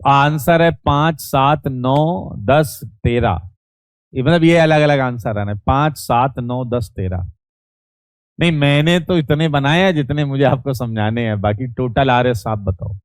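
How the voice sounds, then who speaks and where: A man's voice: mid-range voice, a little slow, clear, resonant tone, dry recording. A man teaching chemistry in an online class, teasing students playfully and calling out their chat answers.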